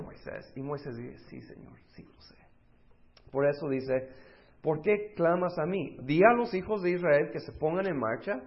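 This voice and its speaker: A man preaching a lively sermon, slipping into the voices of the people in his story. His voice sits fairly high with a gravelly edge. The recording sounds dull and lo-fi. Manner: acts out quoted voices, shifts between loud and hushed.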